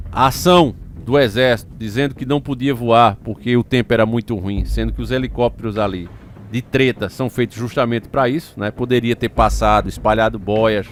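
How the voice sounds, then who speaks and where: A channel host with a medium-pitched voice gives opinionated commentary on news stories, reading excerpts aloud and firing back rhetorical questions. He calls his listeners "meus irmãos," and there's slight background noise.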